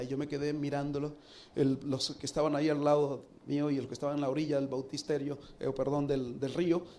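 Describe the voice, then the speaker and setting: A middle-aged pastor preaching, telling a personal story earnestly with dramatic pauses. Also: male voice, medium pitch, vocal fry, slight background noise. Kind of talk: sermon storytelling.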